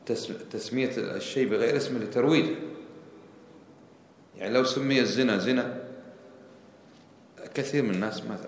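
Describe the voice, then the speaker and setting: A male religious teacher gives a lesson, explaining things step by step, counting off his points, and testing listeners with rhetorical questions. His voice is fairly low, captured in an echoey hall with long reverb, faint background ambience, and slight noise.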